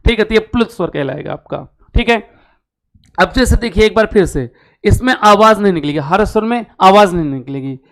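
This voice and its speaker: Male language tutor, exam-prep lecture, smooth clear voice, asks and answers his own questions. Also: high voice, lively intonation, brisk, a bit bright. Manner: repeats key terms for emphasis. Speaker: Hindi teacher.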